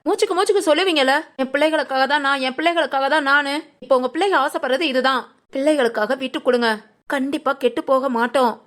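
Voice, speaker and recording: A woman's voice: high-pitched, fairly bright tone, voice pushed up. A woman voicing a firm middle-aged sister-in-law who lectures the family persuasively. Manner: brisk, persuasive, scolding.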